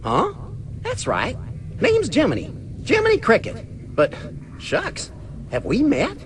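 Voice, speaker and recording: A small, folksy cricket from a video game, earnest as a conscience. The voice is extremely high and leaps around in pitch, yet speaks slowly, over faint noise. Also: male voice, huge pitch swings, full character voice. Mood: friendly, puzzled.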